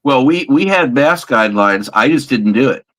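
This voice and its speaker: A middle-aged man from California, a guest on a casual live chat show, talking haltingly with many restarts. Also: mid-range voice, animated, fairly bright tone, poor audio.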